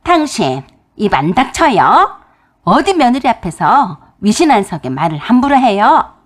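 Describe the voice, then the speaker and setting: Woman doing a stingy, nagging mother-in-law for radio drama; loud, animated, sharp. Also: mid-range voice, measured pace, slightly rough, exaggerated voice. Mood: furious. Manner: scolding, sharp-tongued, shouting.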